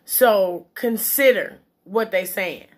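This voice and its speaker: A woman's voice: mid-range voice, slow pace. A woman talking casually and bluntly in an opinionated, emphatic monologue, swearing freely and eating as she talks, her mouth sometimes full. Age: adult, parent. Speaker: vlogger giving relationship and parenting opinions. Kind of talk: casual chit-chat monologue.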